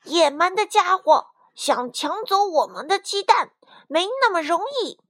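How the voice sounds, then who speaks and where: A woman voicing a hot-headed young rooster in a storybook, shouting defiantly. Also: extremely high pitch, lively intonation, unhurried, voice pushed up.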